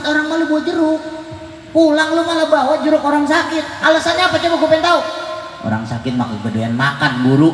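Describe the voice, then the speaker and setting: Man, preacher, very high voice, jokey animated storytelling, big booming hall echo over a PA. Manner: jokey, animated storytelling, with teasing asides and occasional shouts. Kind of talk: humorous mosque sermon. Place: large mosque hall with PA system. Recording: very echoey hall, faint room noise.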